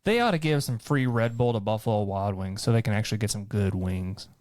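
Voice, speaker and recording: A man's voice: on the low side, brisk, a little mellow, dry recording, studio quality. A man co-hosting a podcast, bantering and contradicting his partner in a teasing way. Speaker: podcast co-host. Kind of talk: casual chat.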